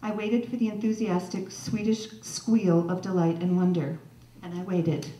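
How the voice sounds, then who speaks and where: A woman's voice: on the low side, fairly even intonation, normal speed, mellow. Wry woman telling a story live. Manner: wry, self-mocking humor. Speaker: storyteller and mother. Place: holiday sing-along event, indoors. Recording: echoey live-room recording from a distance.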